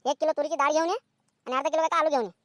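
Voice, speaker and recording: A woman voicing a sharp-tongued, nagging village mother in a cartoon comedy. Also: high voice, steady tone, no echo, clean studio sound, close to an everyday voice. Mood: scolding. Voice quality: nagging, scolding, rapid-fire.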